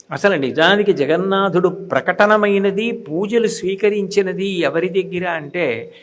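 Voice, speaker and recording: A man's voice: high-pitched, fairly bright tone. An older man giving a devotional discourse, chanting verses and acting out quoted voices as he explains. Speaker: religious discourse speaker. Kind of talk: devotional sermon.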